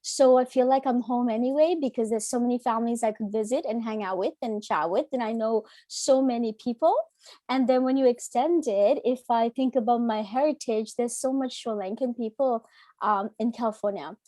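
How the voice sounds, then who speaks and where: A woman, a teacher chatting earnestly as a podcast guest, often pausing on "um". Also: a little high, no room sound, studio quality. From Canada. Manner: warm, earnest, with frequent "um" fillers. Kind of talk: casual interview chat.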